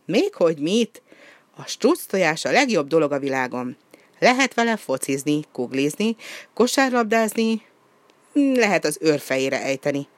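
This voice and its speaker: A reader voicing a boastful, mischievous young male penguin who talks loud and teasing. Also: medium pitch, very animated, dry recording, natural voice. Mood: cocky, teasing.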